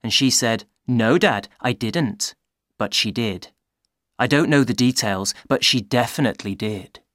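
A native English speaker slowly reading practice words and a short rhyme for learners, clearly articulated. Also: medium pitch, fairly bright tone, no room sound, clean studio sound. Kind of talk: slow careful read-aloud of practice words.

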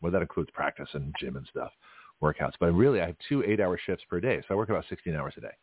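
A man hosting a casual radio talk show, chatty and rambling, his voice a little hoarse and scratchy from shouting. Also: sits low, quick pace, no echo, narrow, tinny audio. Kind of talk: casual live radio chat.

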